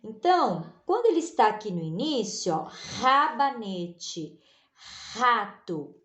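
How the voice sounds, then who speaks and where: A woman teaching children spelling, patient and drawing words out slowly to stress each sound. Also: mid-range voice, big pitch swings. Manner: slow, patient, stretches words out for emphasis. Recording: echoey room.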